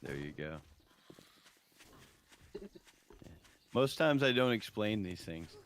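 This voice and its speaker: A man's voice: on the low side, sing-song, takes it slowly. A man in casual chat, joking and sarcastic.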